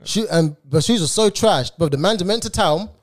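A young man with a London accent telling casual stories in heavy slang, in a halting, stop-start way. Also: high-pitched, animated. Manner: slangy, halting storytelling with filler tags. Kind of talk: casual anecdote-telling banter.

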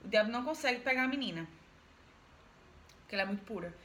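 A woman retells a folk tale in a loose, chatty way, repeating words for emphasis and turning to her listener. Her voice sits on the high side. The room is echoey, with faint noise behind. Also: lively intonation, fast, bright, forceful tone. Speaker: storyteller. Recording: roomy echo, faint background noise.

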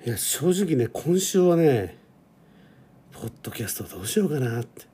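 A man's voice: medium pitch, sing-song, moderate pace, warm tone, slightly rough. A man in his forties hosting a casual solo podcast, rambling and self-deprecating with lots of fillers. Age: 40s. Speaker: podcast host. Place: home.

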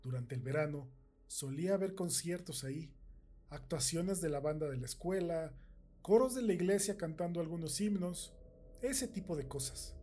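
Man, horror story narrator, warm dark tone, measured delivery. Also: a little high, lively intonation.

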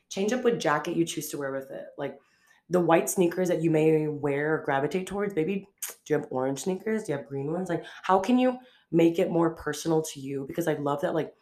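Young woman, low pitch, solo podcast host, casual rambling, fast talker, lots of fillers. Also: a little mellow. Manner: chatty, fast, heavy use of "like".

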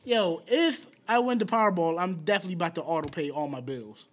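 A man's voice: high voice, fast talker. A man co-hosting a podcast, joking and swearing through casual banter. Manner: profane, joking banter with frequent laughs. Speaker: podcast co-host. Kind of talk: casual chat.

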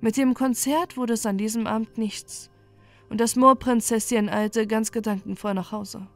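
A woman reading a fairy tale aloud in a calm, soothing bedtime manner. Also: on the high side, moderate pace, faint music behind. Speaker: storyteller.

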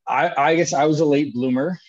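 A man's voice: on the high side, fairly quick. A man in his thirties, an entrepreneur guest chatting casually, upbeat and joking. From Canada. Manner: upbeat, joking, laughs often. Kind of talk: casual interview chat. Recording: dull lo-fi sound.

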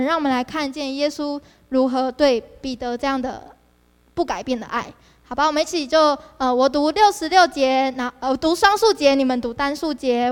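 A woman's voice: sits high, big-room sound. A young woman preaching at a youth service, constantly throwing questions to her listeners. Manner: asks the audience frequent rhetorical questions, animated. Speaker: district leader preaching.

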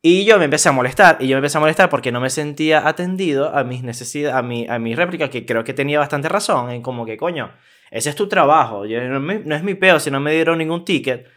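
A young man with a Venezuelan accent, casually telling a story on a podcast, slangy and animated, acting out what people said. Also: fairly high pitch, fast talker. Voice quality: animated, slangy, acts out quoted voices. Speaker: podcast co-host.

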